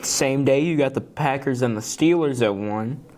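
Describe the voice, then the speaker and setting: A man's voice: mid-range voice, normal speed. A man co-hosting a casual sports podcast, sleepy and yawning, laughing easily as he reads out the week's games. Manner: relaxed, laughs often, reads out schedules. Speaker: podcast co-host.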